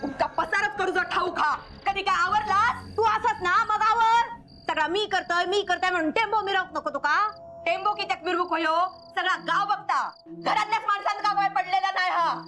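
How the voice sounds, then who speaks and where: An actress playing a sharp-tongued village wife in a TV drama, scolding and arguing. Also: female voice, brisk, faint music behind. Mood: angry. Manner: shrill, scolding, argumentative. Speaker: quarrelling family woman. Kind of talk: TV drama acting.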